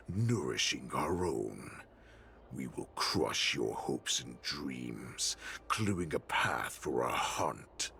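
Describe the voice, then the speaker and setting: An actor playing a cruel, gloating wolfish beast warlord in a video game, talking slowly and mockingly. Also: male voice, sharp tone, a little hiss or hum, heavily acted. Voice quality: deep gravelly growl. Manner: slow, mocking, savoring every threat.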